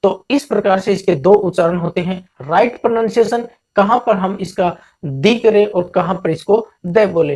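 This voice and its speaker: A man from India teaching a grammar lesson, repeating each point slowly and mixing English terms into his Hindi. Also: high-pitched, darkish tone.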